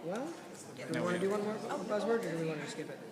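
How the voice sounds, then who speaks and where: A woman's voice: medium pitch, rapid-fire. A woman event organiser talking informally about the rules of the round, in an echoey room with a crowd. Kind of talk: informal announcing and deciding rules.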